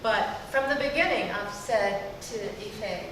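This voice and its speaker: A woman speaking as a production consultant, measured and deliberate. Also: medium pitch. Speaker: consultant to the director. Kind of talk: panel remarks. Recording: distant reverberant hall with noise.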